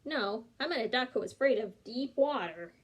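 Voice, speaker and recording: A woman's voice: on the high side, animated, normal speed, slight background noise, close to an everyday voice. A woman voicing Franklin, a shy boy turtle. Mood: wondering. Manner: polite, pleading. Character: shy young boy turtle, afraid of the dark.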